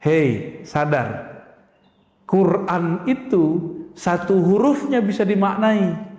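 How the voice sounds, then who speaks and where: A man delivers an emphatic sermon in a high voice, often throwing rhetorical questions at the congregation. His words ring out in a large hall with a long, roomy reverb. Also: lively intonation, takes it slowly, darkish tone. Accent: Indonesian. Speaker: preacher. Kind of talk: religious lecture to a congregation.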